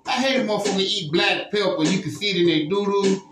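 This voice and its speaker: A man's voice: high-pitched, fast, far from the mic. A man hosting a podcast, telling crude joking stories in casual chat and checking in with "you know what I mean?". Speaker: podcast host. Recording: roomy echo with music behind.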